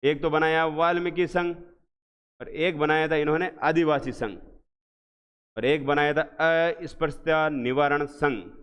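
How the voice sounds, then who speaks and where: A man teaching an exam revision class, asking questions again and again and answering them slowly and with emphasis. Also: fairly high pitch, fairly even intonation, fairly bright tone, clear, resonant tone. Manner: drills students with repeated questions, slow emphatic answers. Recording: echoey hall, dull lo-fi sound.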